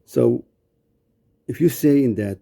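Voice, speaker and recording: A man's voice: mid-range voice, takes it slowly, creaky, warm tone. A man from Somalia speaking in an indignant, blunt monologue. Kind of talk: angry monologue.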